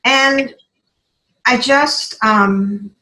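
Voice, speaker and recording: A woman's voice: on the high side, drawn-out words, bright, forceful tone, echoey room, low-quality recording. A woman, a health coach who now sells essential oils, telling her story in an earnest, emotional way and acting out what people said to her. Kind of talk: casual personal testimony.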